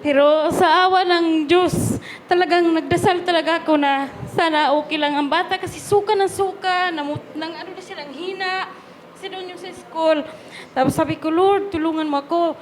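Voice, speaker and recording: An older woman, a grandmother, telling a church testimony in an emotional, animated way. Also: high voice, a little hiss or hum. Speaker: church member giving testimony. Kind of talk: spontaneous spoken testimony.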